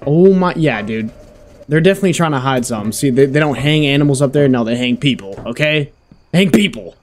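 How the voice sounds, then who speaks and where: A man's voice: mid-range voice, expressive, brisk, slight background noise. A man doing casual gameplay commentary, with loose, joking reactions, plenty of slang and cursing. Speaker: gaming content creator.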